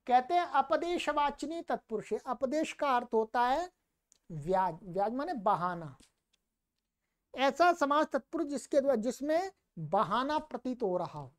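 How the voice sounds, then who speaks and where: A woman teaching Sanskrit grammar in a classroom lecture. She explains in Hindi, slows down to recite Sanskrit rules and often checks in with "ठीक है". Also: sits high, very animated.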